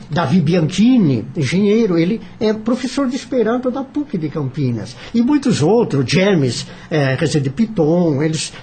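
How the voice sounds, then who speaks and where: Speaking off the cuff on a radio discussion, a Brazilian man halts and repeats himself while hunting for words. His voice is on the high side with a dark tone.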